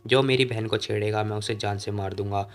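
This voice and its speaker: A man's voice: lowish voice, steady tone, brisk, voice pushed down, lightly acted. A man voicing a furious young male martial hero in a comic recap, reading his lines in a cold, taunting way over faint music.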